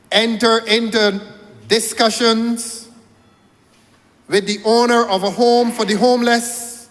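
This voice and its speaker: Speaking as a member of parliament, a Barbadian man with a high, slightly bright voice gives a rhetorical speech, repeating phrases for emphasis. The long reverb of a large chamber rings around his words.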